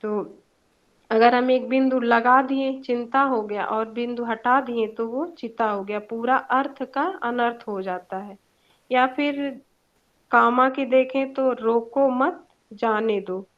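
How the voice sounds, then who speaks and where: A woman's voice: fairly high pitch, steady tone, takes it slowly. A young woman giving a student presentation in an online class, explaining points with examples and a few hesitant fillers. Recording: dull lo-fi online class audio.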